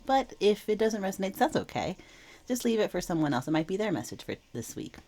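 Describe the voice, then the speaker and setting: A mid-range, mellow female voice moves fairly quickly with big pitch swings. She's a channel host reading tarot for viewers while under the weather, slightly wheezy with some throat clearing, and her delivery is casual, explanatory, reflective and reassuring.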